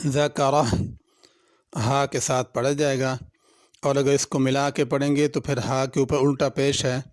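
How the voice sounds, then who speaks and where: Here a man teaches tajweed in a medium-pitched, level voice, recorded dry in a clean studio, his accent Pakistani Urdu. Every word is repeated slowly and then its pronunciation rule is patiently, methodically explained, the lesson moving between stretched recitation and commentary.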